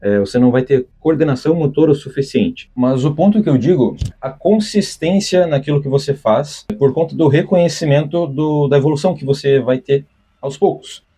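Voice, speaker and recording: A man's voice: medium pitch, dark tone, slightly rough. A young man, talking unscripted to his channel's viewers, rambling with many restarts. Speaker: channel host. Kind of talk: unscripted casual talk to camera.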